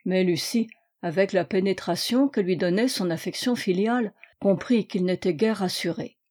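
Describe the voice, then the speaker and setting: A woman narrating a classic novel aloud in a measured, even manner. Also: medium pitch. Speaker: audiobook reader. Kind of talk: scripted narration.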